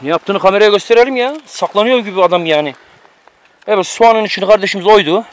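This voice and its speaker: A man with a fairly high, fast voice keeps up a casual, bossy running commentary outdoors on a mountain, teasing and instructing the friend cooking beside him. It's recorded through a camera microphone.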